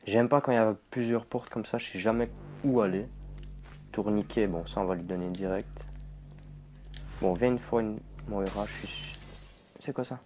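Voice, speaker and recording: A man's voice: lowish voice, steady tone, normal speed, a little mellow, slight background noise. A young man giving jumpy, swearing let's play commentary to his viewers. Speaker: gamer.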